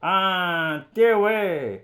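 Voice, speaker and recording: A man voicing an eager, bragging village boy in high, drawn-out rustic speech. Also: expressive, bright, forceful tone, exaggerated voice. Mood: boastful.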